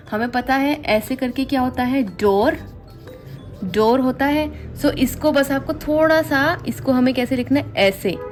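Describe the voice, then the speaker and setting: Patient female tutor, slow repetitive delivery, light music bed. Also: on the high side, darkish tone. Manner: slow, repetitive, spells out sounds and mnemonics. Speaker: language teacher. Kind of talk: Korean alphabet lesson.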